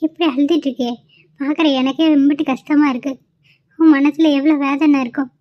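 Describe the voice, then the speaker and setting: A woman's voice: sits high, fairly even intonation, fairly quick, dry recording, lightly acted. A woman voicing a caring, consoling middle-aged mother-in-law in a cartoon, on a dull lo-fi recording. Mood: soothing. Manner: soothing, consoling.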